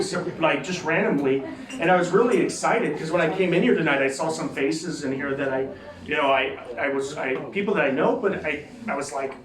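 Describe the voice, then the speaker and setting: American guy doing standup, kinda high voice, rambling, echoey room, crowd all around. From United States. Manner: rambling, self-mocking, many fillers and restarts. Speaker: stand-up comedian. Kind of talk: stand-up comedy set. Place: comedy club stage, live audience. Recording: roomy, distant mic, crowd noise.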